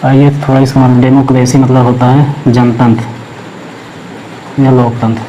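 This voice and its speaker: A man teaching English grammar, explaining in Hindi and slowly dictating words while he writes them on a board. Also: medium pitch, level tone, mellow, dull audio, a little hiss or hum. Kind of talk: classroom lesson explaining grammar.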